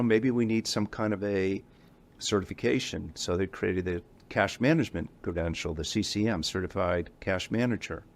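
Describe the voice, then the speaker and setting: Middle-aged guy, kinda low and gravelly, rambles and restarts a lot, casual interview guest. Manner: rambling, self-correcting, chuckles between points. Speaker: guest, association executive.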